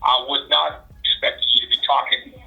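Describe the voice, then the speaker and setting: A man chatting casually on a phone call, heard through a speakerphone, relaxed and offhand. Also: medium pitch, moderate pace, creaky. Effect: heard over speakerphone. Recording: tinny speakerphone audio from a distance.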